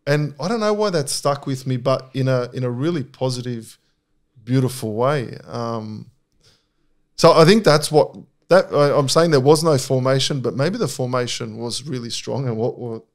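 Candid and reflective, a middle-aged podcast guest speaks at normal speed in an ordinary mid-range pitch. The conversation is casual, and he often starts his sentences over.

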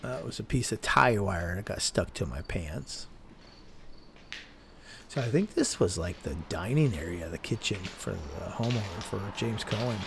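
A man with a gravelly, creaky voice talks through an abandoned building in the desert at night, speaking slowly and rambling. His camera is mounted on his chest, and faint crickets and insects chirp in the background. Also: fairly low pitch, animated, a little hiss or hum. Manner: slow, rambling, self-correcting. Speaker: urban explorer vlogger. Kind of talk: casual walkthrough narration.

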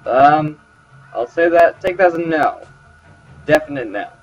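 A man's voice: on the high side, a little slow. A man commentating his gameplay, sarcastic and joking as he talks to the characters. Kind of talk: let's play commentary. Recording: slightly dull with game music.

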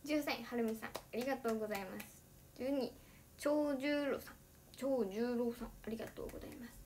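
A teenage idol girl chatting on her livestream in a slightly high voice. She talks casually and chattily, with little giggles breaking up her sentences. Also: quick pace, a little mellow, slight background noise. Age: teens. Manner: giggly, chatty, laughs often between sentences.

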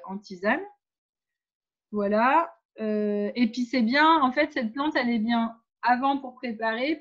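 A woman with a fairly high voice leads an informal workshop, talking her listeners through practical tips in a direct, hesitant way. The sound is dull and lo-fi. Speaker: workshop leader on pregnancy and birth.

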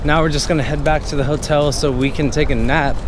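A man in his twenties, vlogging for a vape brand team, chats casually and slangily to a handheld action camera held at arm's length. His voice is a little high, fast, and steady in tone. The audio is noisy, with ambient hum and crowd noise.

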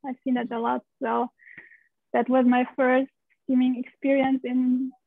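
Speaking a little slowly, this guest has a high-pitched, creaky voice with a level tone. She's a Romanian pelvic steam practitioner in her thirties, an open storyteller who laughs a lot and gestures while talking, interviewed over video call from her living room with dry, tinny laptop-mic sound.

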